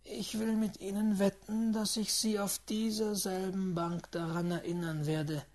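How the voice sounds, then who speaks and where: A reader voicing a reserved, earnest Englishman who speaks in a hushed, half-whispered, measured way in an audiobook. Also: medium pitch, level tone, pitched above the performer's own voice, lightly acted. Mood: stern. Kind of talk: audiobook reading.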